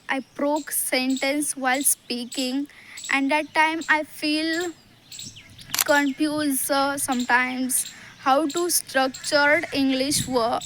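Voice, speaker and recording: Halting, high-voiced Indian woman learner. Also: fairly bright tone, a little hiss or hum. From Maharashtra, India. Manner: halting, hesitant, frequent uh fillers and restarts. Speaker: vlogger, English learner. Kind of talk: casual talk to camera.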